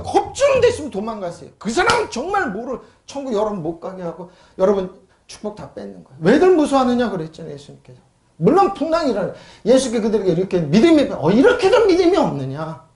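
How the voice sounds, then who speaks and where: A woman's voice: a little high, reverberant. A woman pastor preaching a sermon and reading scripture, emphatic and full of rhetorical questions to the congregation.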